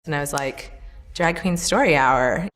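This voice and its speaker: A woman's voice: sits low, a little slow, a bit bright. A middle-aged woman talking casually in a documentary interview as the founder of a program. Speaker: story hour founder.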